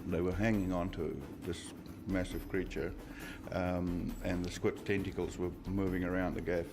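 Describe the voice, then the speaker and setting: A man's voice: deep voice, little pitch movement, moderate pace. A man recalling what he witnessed, in a documentary interview. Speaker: eyewitness interviewee. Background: background music.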